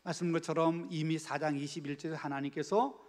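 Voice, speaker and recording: A man's voice: on the high side, steady tone, fairly quick, darkish tone. A man preaching a Bible study sermon as pastor in a church, earnest and asking the congregation rhetorical questions, sometimes dropping to a near whisper.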